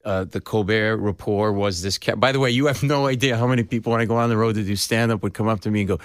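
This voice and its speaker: Animated storytelling man in dry studio. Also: fairly low pitch, fast, clear, resonant tone, no echo. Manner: animated storyteller, acts out quotes. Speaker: comedy writer guest. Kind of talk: casual radio interview chat.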